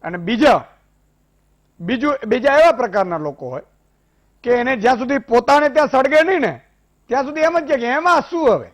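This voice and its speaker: A man with a Gujarati accent hosting a TV news debate, impassioned and rhetorical, swinging from loud appeals to hushed storytelling. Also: very high-pitched, expressive, fairly quick, pauses often, highs cut off. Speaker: TV debate anchor.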